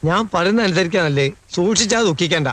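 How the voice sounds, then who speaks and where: A man's voice: high voice, animated, brisk, a bit bright, no room sound. An actor playing a jittery, gossiping male house servant who fusses and warns nervously in comic film dialogue. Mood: fretful warning. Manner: nervous, fussing and warning.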